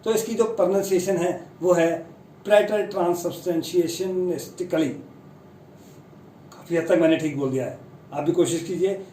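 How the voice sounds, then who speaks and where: Man, pronunciation teacher, high voice, careful slow sounding-out, chatty, self-deprecating, distant mic, faint background noise. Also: warm tone, reverberant. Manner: slow, careful spelling-out of long English words. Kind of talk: Hindi-language pronunciation lesson.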